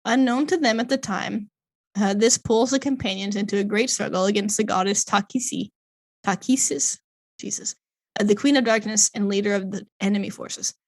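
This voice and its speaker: Reading a long plot summary on the casual podcast she co-hosts, a woman trips over peculiar names and uses many fillers. Her voice is medium-pitched and moderately paced.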